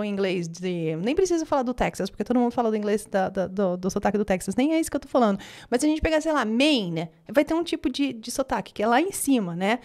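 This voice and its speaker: Mulher falando rápido, tom agudo. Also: female voice, on the high side, a little mellow. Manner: chatty, many fillers and self-corrections. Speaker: English teacher. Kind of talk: casual online lesson.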